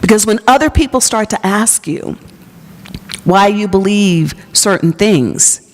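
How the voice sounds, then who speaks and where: A woman pastor giving an earnest personal testimony to an audience, telling her story and dropping to a soft whisper at intimate moments. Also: medium pitch, animated, a little slow. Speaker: pastor and psychologist. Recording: long hall reverb.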